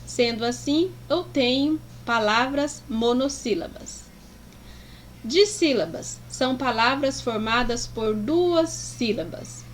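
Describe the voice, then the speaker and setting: A woman's voice: on the high side, animated, slow pace, slight background noise. A woman teacher explaining a lesson to pupils, affectionate and sounding out words syllable by syllable. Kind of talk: slow, deliberate classroom explanation.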